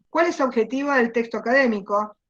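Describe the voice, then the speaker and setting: An Argentine woman gives a university lecture over a video call, laying out her points patiently and stopping to question the class. Her voice sits a little high, and the call audio sounds dull and lo-fi. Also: brisk, fairly bright tone. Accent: Rioplatense Spanish. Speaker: university teacher. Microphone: computer mic on a video call.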